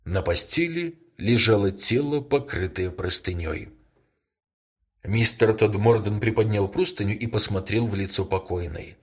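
A man narrating a story as an audiobook in a steady storytelling manner. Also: on the low side, normal speed, breathy edge.

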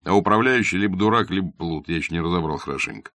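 A man's voice: low-pitched, lively intonation, quick pace, bright, forceful tone, dry recording. A man voicing a blunt young doctor who is curt, ironic and matter-of-fact in an audiobook. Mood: wry. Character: blunt young male doctor, mocking and self-assured.

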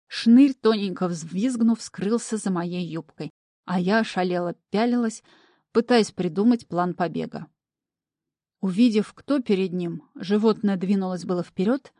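A woman narrating a first-person story in an expressive, lively way. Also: medium pitch, dry recording, clean studio sound. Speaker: audiobook narrator.

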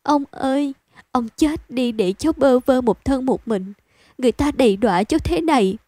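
A woman's voice: sits high, moderate pace, dark tone, no room sound, clean studio sound. A woman reading a storybook aloud, voicing a frightened young girl who pleads through tears. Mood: tearful pleading.

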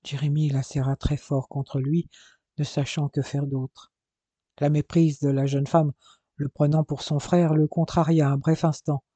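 Dark-toned male audiobook narrator. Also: fairly high pitch, little pitch movement, measured pace, dry recording. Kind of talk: scripted narration of a romance novel.

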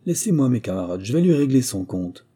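A man's voice: mid-range voice, sing-song, brisk, dark tone, slightly rough. A man voicing a hot-tempered middle-aged hunter who is a bad shot, with brusque outbursts. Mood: eager.

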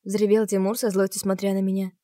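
Female audiobook narrator, mid-pitched, dramatic first-person romance read, dry recording. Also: flat delivery, quick pace, warm tone, dry recording.

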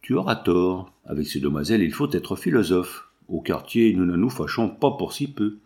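A young medical intern, calm and ironic, read by a man narrating a novel. His teasing is dry and unhurried, in a fairly low voice. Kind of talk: audiobook reading.

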